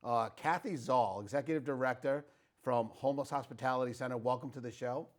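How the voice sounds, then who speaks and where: A man's voice: medium pitch, brisk. A man hosting a local community talk show, chatty and rambling, with frequent fillers and restarts. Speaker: host. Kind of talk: casual interview.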